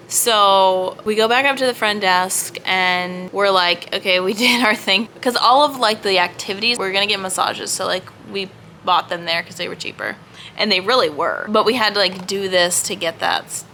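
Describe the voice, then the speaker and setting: A woman's voice: mid-range voice, sharp tone, a little hiss or hum, rough recording. A young adult woman telling a travel story to her own camera in a casual vlog. She rambles and laughs a lot, and fills her talk with "like". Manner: chatty, rambling, peppered with "like" and laughter. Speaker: vlogger. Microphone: self-facing camera.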